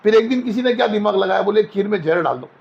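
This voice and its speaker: High-voiced man telling folksy stories. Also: expressive, fast talker, gravelly, muffled recording. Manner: anecdotal, folksy, acts out quoted voices. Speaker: spiritual guest. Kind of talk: storytelling in a casual interview.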